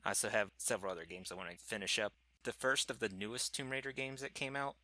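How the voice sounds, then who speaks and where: A man's voice: fairly low pitch, fairly even intonation, fast talker, pushed and bright. A man co-hosting a podcast, chatting casually and rambling a little as he corrects himself. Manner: rambling, self-correcting gamer talk. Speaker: podcast co-host. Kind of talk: casual chat.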